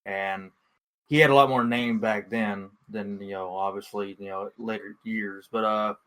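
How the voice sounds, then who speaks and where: Male podcast co-host, relaxed and hesitant, laughs a lot, bright forceful voice. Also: lowish voice, measured pace, poor audio. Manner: easygoing, hesitant, laughs easily. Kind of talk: casual podcast chat.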